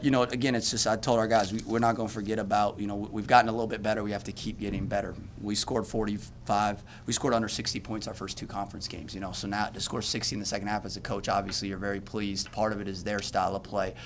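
Low-voiced coach at a press podium. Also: male voice, slight background noise. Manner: earnest, self-correcting, many restarts. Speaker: basketball coach. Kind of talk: postgame press conference answers. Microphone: podium mic.

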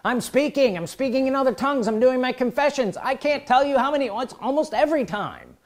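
Animated preacher with lively pitch. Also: brisk. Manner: animated, calls out questions to the congregation. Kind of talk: sermon.

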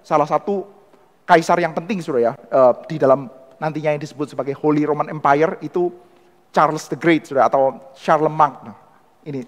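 A man with a Surabaya accent giving an animated church history lecture, who keeps calling his listeners "Saudara". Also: fairly high pitch, brisk, in a large hall. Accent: Surabaya Indonesian. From Indonesia. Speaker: theology lecturer.

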